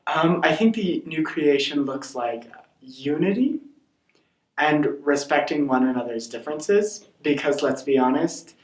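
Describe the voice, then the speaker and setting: A man's voice: fairly high pitch, a little slow, reverberant, far from the mic, low-quality recording. A young man, a student, answering earnestly with wry asides. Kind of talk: casual interview answers.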